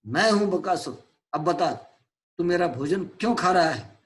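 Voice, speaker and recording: A man's voice: high-pitched, expressive, measured pace. Man putting on a man-eating male demon, arrogant, menacing, growling threats, play read aloud in class. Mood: threatening.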